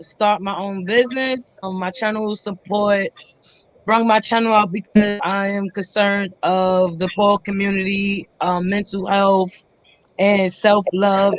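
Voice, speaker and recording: A woman in her thirties introducing herself on an online call, hesitant and full of pauses. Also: medium pitch, a bit bright, poor audio. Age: 30s. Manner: hesitant, many ums. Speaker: panel guest. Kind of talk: casual self-introduction.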